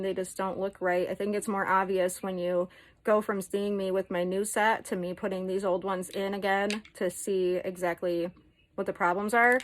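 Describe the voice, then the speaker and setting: A woman's voice: medium pitch, low-quality recording. Female vlogger, casual show-and-tell delivery, chatty and blunt, drops the odd swear.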